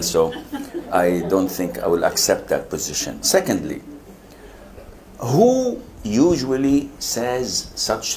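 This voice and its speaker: An older Saudi Arabian man with a deep, slightly mellow voice answers audience questions at a lecture Q&A. He's an Islamic preacher who mixes in humor and sometimes imitates other people's voices.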